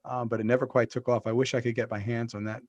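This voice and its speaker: A man's voice: mid-range voice, flat delivery, fast, a little mellow, no echo, lo-fi sound. A middle-aged man, a guest on a video-call interview, telling long stories with fillers and restarts. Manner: rambling storyteller with restarts and fillers. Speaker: podcast guest, author.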